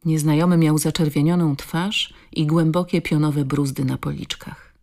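A woman reading a novel aloud in scripted narration. Her voice sits very low with a gravelly fry, and she keeps a measured, steady pace. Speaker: audiobook narrator.

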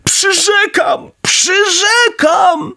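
A man voicing a male bulldog in a storybook reading, by turns shouting for help and drawing out his words. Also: very high-pitched, vocal fry, voice pushed up, heavily acted. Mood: frantic. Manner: shouting, pleading, drawn-out. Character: frantic drowning bulldog, male, later smug.

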